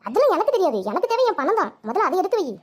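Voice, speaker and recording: A woman voicing a loud, pushy village moneylender in a Tamil cartoon, scolding in a harsh, shrill way with a Tamil accent. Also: sing-song, rapid-fire, heavy background noise.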